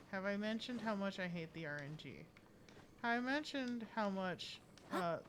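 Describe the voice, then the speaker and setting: Her voice low and fairly bright, a woman rambles through casual, playfully dramatic commentary while streaming a game live. Game music plays behind her, and there's a little hiss or hum.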